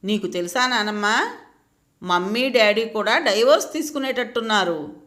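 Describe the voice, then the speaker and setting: A small boy's high voice, childlike and pleading, rising and dipping as he talks. A woman puts it on for a storybook. The tone is bright and clear. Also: animated, moderate pace. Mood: tearful. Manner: childlike, pleading, sobbing speech. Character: little boy, grandson, upset and tearful.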